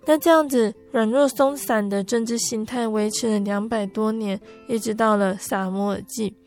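A woman narrating a Bible story for a podcast in a gentle, unhurried storytelling manner with soft filler particles. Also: a little high, fairly even intonation, soft background music.

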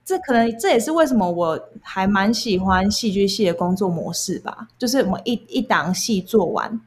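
A woman's voice: medium pitch, expressive, moderate pace, breathy edge. A young adult woman speaks with a Taiwanese accent in a mid-range voice. She tells stories casually and candidly, explaining things in an everyday conversational way. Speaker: guest recounting past jobs.

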